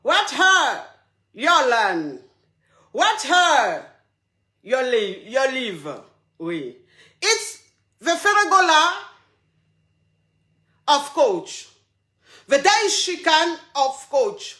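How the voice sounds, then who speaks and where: A woman's voice: high voice, big pitch swings, extremely slow, pauses often, pushed and bright, roomy sound. A woman hosting a comedy phone-in sketch as a coach, theatrical and playful, repeating her lines for effect. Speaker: comedy show host playing a coach.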